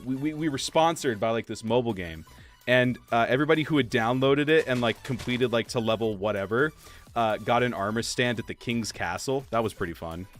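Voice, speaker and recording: A young man talks through a relaxed game livestream, chatting freely with his viewers. His voice swings up and down with lively, animated pitch, full of loose fillers. Soft music plays faintly behind him. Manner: chatty, reads and answers chat, many fillers. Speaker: streamer. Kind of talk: casual livestream chat while playing.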